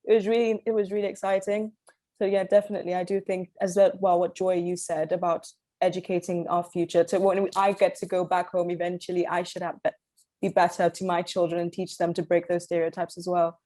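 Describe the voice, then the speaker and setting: A young woman from Zambia on a video call, speaking in an earnest, measured way about her experience. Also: on the low side, level tone, dark tone, no room sound. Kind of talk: casual panel chat.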